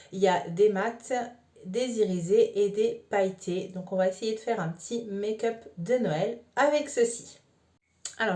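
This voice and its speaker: A woman's voice: mid-range voice, darkish tone. A woman talking through a makeup tutorial step by step, casual and chatty with frequent fillers. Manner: chatty, explains each step with many fillers. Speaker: makeup vlogger.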